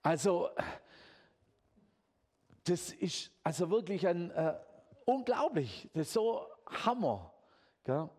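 A man preaching a sermon in a chatty, lively way, often adding "gell". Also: sits high, slow pace, pauses often.

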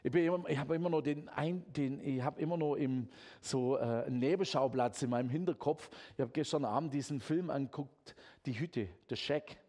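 Male preacher, folksy and animated sermon delivery. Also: mid-range voice, fairly quick. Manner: chatty and lively, often adding "gell".

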